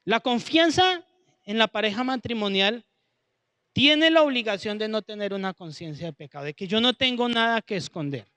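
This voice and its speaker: Male preacher, very high and bright voice, chatty Bible teacher. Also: expressive, moderate pace, clean tone, no room sound. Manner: conversational, acts out dialogue.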